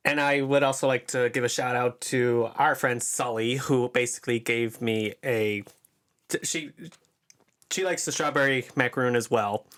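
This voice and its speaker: A young man co-hosting a casual podcast chat. He speaks at an ordinary middle pitch in a laid-back, halting way, pausing and filling gaps as he goes. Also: fairly bright tone. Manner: laid-back, hesitant with many fillers. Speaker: podcast co-host.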